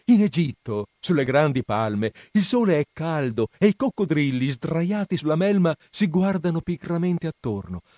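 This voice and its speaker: A man voicing a small, kind-hearted male swallow in a storybook reading, speaking high and pleading. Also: sing-song, moderate pace, few pauses, mellow, dry recording, clean studio sound. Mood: tender pleading.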